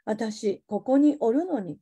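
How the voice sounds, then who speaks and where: A woman's voice: fairly high pitch, animated, normal speed, warm tone, husky. A woman voicing a dying young girl who asks faintly for her parents in Hiroshima dialect. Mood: faint wistful. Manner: faint, wistful.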